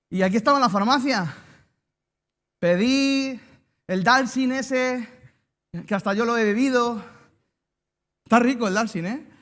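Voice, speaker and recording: With a high, slightly bright voice and a Spanish accent, this man from Spain is a pastor giving a sermon. He recounts a personal story, joking and bantering with the people in the pews.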